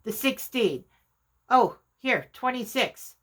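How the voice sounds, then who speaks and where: A woman vlogger chatting casually while demonstrating her journaling supplies, chatty and quick to laugh at herself. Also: a little high, animated, a bit bright. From Canada. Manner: chatty, self-deprecating, exclaims often. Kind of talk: casual craft vlog demonstration.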